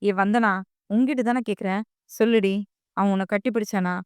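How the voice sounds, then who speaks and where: A woman's voice: mid-range voice, fairly even intonation, brisk, clean tone, dry recording, clean studio sound, natural voice. A woman voicing a furious scolding mother. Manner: sharp, shouting, biting accusations. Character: furious middle-aged mother scolding her daughter.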